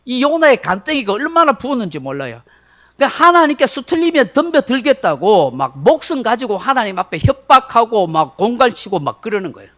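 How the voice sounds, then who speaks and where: A man's voice: very high-pitched, big pitch swings, fairly quick, bright, forceful tone. A middle-aged male pastor preaching a Sunday sermon, telling the story dramatically and acting out quotes.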